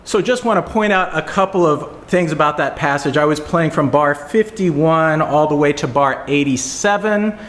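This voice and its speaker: A man teaching viola technique, explaining and demonstrating passages in a relaxed, pausing way. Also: a little high. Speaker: music teacher. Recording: roomy echo, faint music.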